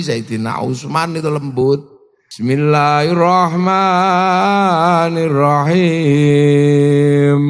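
A high, gravelly male voice, preaching at an unhurried pace. His dramatic delivery jumps from shouts to quiet asides, and the sound hangs in a hall with long reverb. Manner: dramatic, shifts between shouts and low asides. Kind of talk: humorous sermon storytelling.

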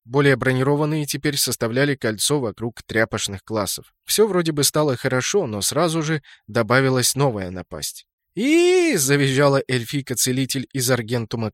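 A man's voice: medium pitch, no echo, clean studio sound. A man reading scripted fantasy game fiction as an audiobook narrator.

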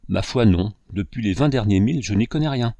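A man's voice: fairly low pitch, animated, brisk, warm tone, no echo. A man doing a blunt frontiersman. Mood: defensive. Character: blunt male frontiersman brother.

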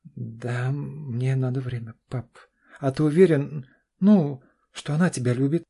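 A man's voice: medium pitch, a little slow, creaky, mellow, breathy edge, voice pushed up. A man voicing a pushy, anxious young adult daughter in an audiobook, pleading and insistent. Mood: worried. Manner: pleading, insistent, keeps saying "dad". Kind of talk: audiobook character voice.

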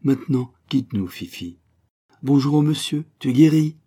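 A man reading a story aloud, voicing a kindly farmer who talks fondly and heartily to a pet bird in a raised, lively voice. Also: medium pitch, moderate pace, voice pushed up, natural voice. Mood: warm, jovial. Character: kindly good-humored male farmer, tender with a pet bird. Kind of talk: storybook character voice.

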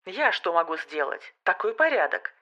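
A woman voicing a gruff, dismissive male police major who speaks coldly and curtly. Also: lowish voice, sing-song, normal speed, sharp tone, dull audio. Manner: curt, cold, dismissive.

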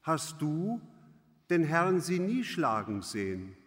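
Harsh maid, man reading, slow and clipped, big hall echo. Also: fairly high pitch, big pitch swings. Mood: contemptuous. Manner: curt, hard. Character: harsh, contemptuous serving maid, woman. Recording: long hall reverb.

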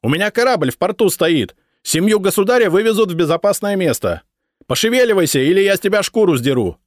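A man voicing an angry, commanding male noble officer who shouts orders in a raised voice. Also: sits high, sing-song, fast talker, no room sound, clean studio sound, voice pushed up. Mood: commanding, irritated. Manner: shouting, impatient.

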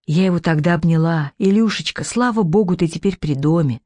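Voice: medium pitch, a little fast, darkish tone, no echo, lightly acted. A man reading a storybook, voicing an old village woman with folksy rural speech. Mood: wistful. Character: old village woman telling her war memories.

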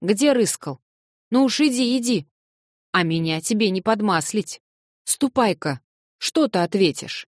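A woman's voice: medium pitch, expressive, unhurried, no room sound, studio quality, pitched above the performer's own voice. A woman reading an audiobook and voicing a grumbling old female servant who scolds a visitor. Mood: scolding. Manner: scolding, gruff.

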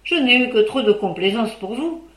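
A woman's voice: fairly high pitch, expressive, normal speed. A woman voicing an upright old male squire who scolds his mistress with indignation. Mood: indignant. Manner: indignant, then softened. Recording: roomy echo.

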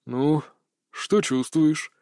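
A man's voice: a little high, drawn-out words, mellow, dry recording, studio quality. A man voicing a burly bearded older hunter who taunts and lectures in a sly, mocking way, read as an audiobook character. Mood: taunting. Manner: taunting, philosophizing.

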